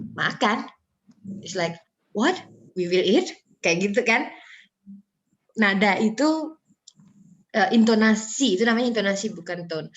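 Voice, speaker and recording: Woman lecturer, dull audio. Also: mid-range voice. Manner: mixes Indonesian with English, demonstrates tones aloud. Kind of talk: online phonology lecture.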